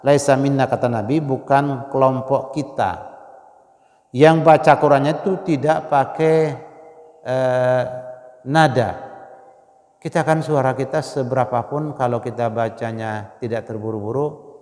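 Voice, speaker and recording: A man preaching a dawn Ramadan sermon, swinging from loud exclamations to hushed prayers and chanting verses slowly. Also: medium pitch, steady tone, long reverb tail. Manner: emotional, swings between loud exclamations and near-whispered prayers; chants Quranic verses slowly in melodic recitation. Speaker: Islamic scholar.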